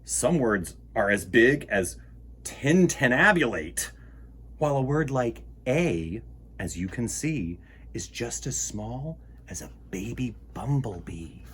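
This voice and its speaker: A man with a mid-range voice and a breathy edge reads a picture book slowly as host of a children's storytime show. Playful and theatrical, he addresses young listeners directly, animated with exclamations and gasps.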